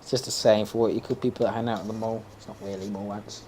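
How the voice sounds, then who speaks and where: A man's voice: fairly low pitch, level tone, fast talker, mellow, slight background noise. A young man chatting casually while playing a game, rambling, opinionated and laughing often. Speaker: gaming streamer.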